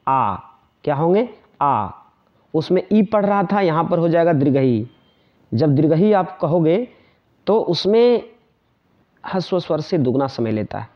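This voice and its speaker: A man's voice: a little high, very animated, measured pace, pauses often. Man teaching a lesson, lo-fi sound. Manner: repeats points, checks in often with tag questions. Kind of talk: grammar lesson explaining to students. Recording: dull lo-fi sound.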